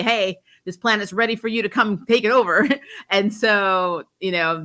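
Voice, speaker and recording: Her voice on the low side, pushed and bright, a woman chats through a TV episode recap on a livestream. She rambles, giggles, corrects herself often, and acts out quotes from the show.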